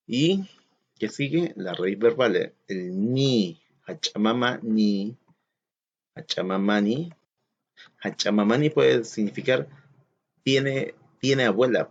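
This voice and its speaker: A man teaching a recorded lesson to children, patiently counting aloud and posing questions to the class. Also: mid-range voice. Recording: slightly dull lo-fi audio.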